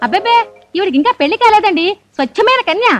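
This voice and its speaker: An actress playing the bride's chatty relative in a comic film scene, rattling off explanations. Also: female voice, very high-pitched, animated, racing, a bit bright, faint music behind. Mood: explaining.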